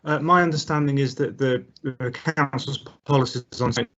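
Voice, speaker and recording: A man's voice: medium pitch, fairly even intonation, normal speed, a bit bright. A man speaks in a level, unvaried tone, politely addressing the chair as a council legal officer. His video call connection is breaking up, so the sound drops out. The line is muffled and lo-fi. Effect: video call audio breaking up. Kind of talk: formal council meeting over video call.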